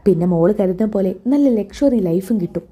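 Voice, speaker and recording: A woman voicing a loud, scheming middle-aged mother who scolds and plots, with a husky, dark voice. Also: medium pitch, lively intonation, brisk.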